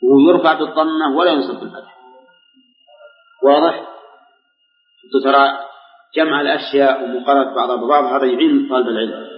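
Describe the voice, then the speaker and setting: An older man teaching grammar to a class, quizzing students and slowly repeating examples. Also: medium pitch, fairly even intonation. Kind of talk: classroom lesson with questions to students. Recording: echoey hall, dull lo-fi recording.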